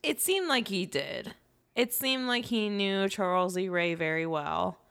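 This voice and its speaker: Woman podcast co-host, mid-pitched, animated movie-recap chat that laughs a lot. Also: a little slow, creaky, clear, resonant tone. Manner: animated storyteller who acts out scenes and laughs often.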